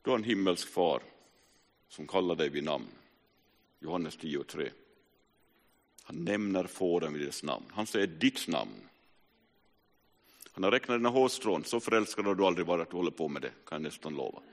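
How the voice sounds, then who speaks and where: A man in his forties preaching a personal testimony sermon, telling his story earnestly with sudden rises and hushed drops. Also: sits low, animated, pauses often. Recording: reverberant hall.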